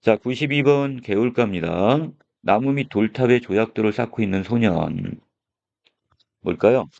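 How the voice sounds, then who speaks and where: A male teacher lectures on a literary text and explains each scene in turn. His voice is low with a gravelly edge. The recording is dull and lo-fi. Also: lively intonation, moderate pace, darkish tone. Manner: explanatory, opens phrases with a filler 'so'.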